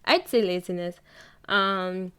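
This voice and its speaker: A young adult woman from Barbados, speaking with a Barbadian accent, hosts her own solo podcast in a casual, chatty style, laughing often and correcting herself. Her voice is on the low side and fairly bright, slow in pace, with a clean tone.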